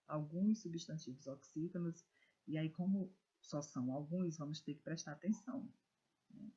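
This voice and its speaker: A Brazilian woman teaching a recorded class for children. Her voice is mellow and a little husky, and she reads words slowly, leaning hard on the stressed syllable. The sound is dull and lo-fi. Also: low-pitched. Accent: Brazilian Portuguese. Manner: slow, careful, stresses syllables when reading words aloud. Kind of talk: recorded video lesson for children.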